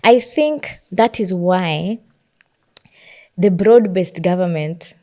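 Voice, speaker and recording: A woman with a Kenyan accent co-hosting a political discussion podcast, talking in an animated, emphatic way and repeating phrases for effect. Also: lowish voice, takes it slowly. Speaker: podcast co-host.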